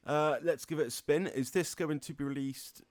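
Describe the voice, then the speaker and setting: A man's voice: on the high side, steady tone, moderate pace, darkish tone, no room sound. A man hosting a local radio show in a studio, rambling and jokey, laughing often. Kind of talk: casual on-air chat and announcements. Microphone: studio microphone.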